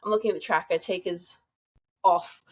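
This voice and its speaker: A woman guest telling a lively hunting story in a casual, chatty way. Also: fairly low pitch, normal speed. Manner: chatty, animated, lots of "like" and laughter.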